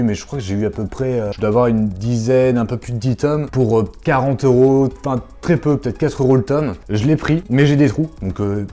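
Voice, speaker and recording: A man with a mellow, warm tone talks straight to his viewers in a relaxed vlog review. He rambles a little, fills gaps with hesitations and keeps an easygoing, conversational flow. Soft music runs faintly behind him. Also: medium pitch. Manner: chatty, digressive, frequent fillers; addresses viewers directly. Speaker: manga YouTuber.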